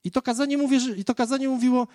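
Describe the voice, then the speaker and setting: High-voiced man preaching a personal testimony. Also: steady tone, rapid-fire, darkish tone, no room sound, clean studio sound. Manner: storytelling, addressing the listeners directly. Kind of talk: conversational sermon testimony.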